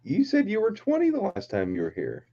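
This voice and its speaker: A man in his twenties hosts a loose chat, joking and swearing freely. His low, mellow voice swings up and down a lot. The recording sounds dull and lo-fi, with faint hiss. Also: huge pitch swings, brisk. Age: 20s. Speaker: podcast host. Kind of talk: casual chat.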